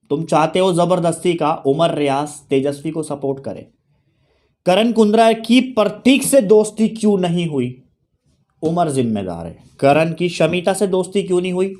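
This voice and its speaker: A man's voice: a little high, warm tone. A man giving heated commentary on a reality show, firing rhetorical questions and repeating his points. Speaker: YouTube show reviewer. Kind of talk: ranting commentary.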